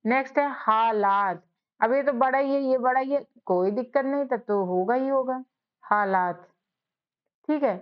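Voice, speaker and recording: A woman runs a spelling lesson and spells each word out one letter at a time. Her voice sits a little high. The recording sounds dull and lo-fi. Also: smooth. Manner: slow spelling out of letters, repeating words. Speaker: English teacher, channel host.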